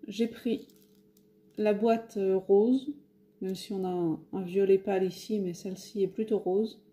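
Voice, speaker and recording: A woman's voice: mid-range voice, steady tone, unhurried, dark tone. A French woman casually showing her craft shopping haul, talking with many hesitations and fillers. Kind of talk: casual haul video talk. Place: home, near a window.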